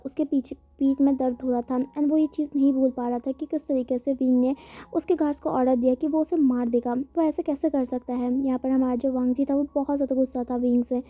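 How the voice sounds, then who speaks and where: A woman's voice: high voice, little pitch movement, fast, mellow. A woman casually retelling a story, chatty and full of fillers, mixing in English words.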